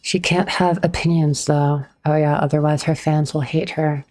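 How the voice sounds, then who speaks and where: Low-voiced woman streamer chatting casually. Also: steady tone, normal speed, a little mellow. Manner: chatty, a bit awkward, reads and answers chat. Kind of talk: casual livestream chat.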